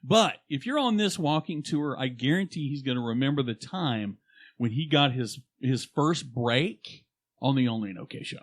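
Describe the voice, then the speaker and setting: Male podcast co-host, jokey and loose, animated delivery. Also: medium pitch, moderate pace, no echo. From Oklahoma. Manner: playful, jokey, rambling. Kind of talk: casual chat.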